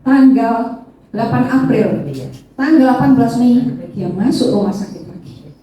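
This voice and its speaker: A middle-aged woman speaks at a church, giving an emotional testimony to the congregation in a fairly high but mellow voice. She is recorded from far off in a very echoey hall, with faint room ambience behind her. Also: moderate pace. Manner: addresses listeners as "saudara", acts out tearful prayers in a high voice.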